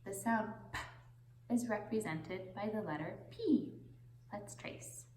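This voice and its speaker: A young woman speaks slowly to small children, as a teacher giving a phonics lesson. Her delivery is singsong and deliberate, with pauses for repeating. The room adds noticeable echo around her medium-pitched voice. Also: darkish tone, slight background noise. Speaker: preschool teacher. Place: indoor classroom, seated on the floor. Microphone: camera a few metres away. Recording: roomy echo from camera distance.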